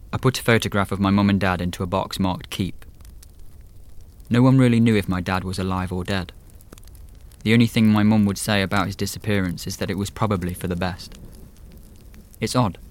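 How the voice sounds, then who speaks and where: Man as wry, fairly low-voiced young narrator. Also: a little fast, long pauses, lightly acted. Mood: wry, reflective. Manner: conversational, dry, wry asides. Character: Rob, wry sardonic twenty-nine-year-old man telling his story. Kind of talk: first-person scripted horror narration.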